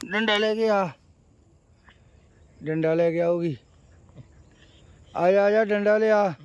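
Slow, high-voiced man coaxing his dog. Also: smooth. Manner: coaxing, repeats short commands to the dog. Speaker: dog owner showing his pet. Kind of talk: casual home video talking to a dog.

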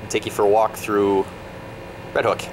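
A man in his thirties gives a relaxed, wry walking tour, talking while he walks outdoors with a handheld camera. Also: on the low side, normal speed. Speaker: vlogger. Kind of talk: casual walking-tour narration. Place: outdoors on sunny island streets. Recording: outdoor camera audio with street noise.

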